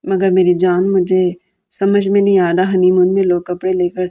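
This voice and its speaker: A woman's voice: fairly low pitch, completely flat delivery, muffled recording, natural voice. A woman voicing a playful, teasing young husband in a romantic audiobook novel, speaking affectionately.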